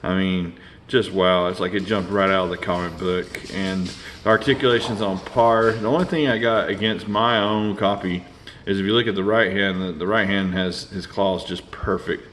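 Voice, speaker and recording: Man, 40s, very low voice, rambling unscripted toy-review delivery full of "uh"s, faint hiss behind. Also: steady tone, normal speed, fairly bright tone. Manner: rambling, many fillers and restarts.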